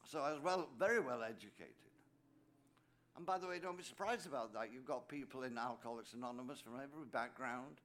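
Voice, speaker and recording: A man's voice: medium pitch, a little fast, fairly bright tone. Older English priest telling his story. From England. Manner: anecdotal, with joking asides to the audience. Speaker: priest sharing his story at a recovery meeting. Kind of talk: personal testimony speech.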